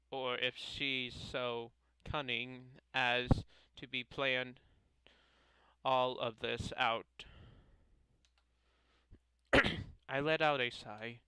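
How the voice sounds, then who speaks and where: A young man reading a visual novel aloud at a slow, easy pace, often tripping over words and poking fun at himself. His voice is bright and smooth, recorded close on a desk mic in a dry room. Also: medium pitch, dry recording, rough recording. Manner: casual, self-mocking, stumbles over lines. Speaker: gaming video creator.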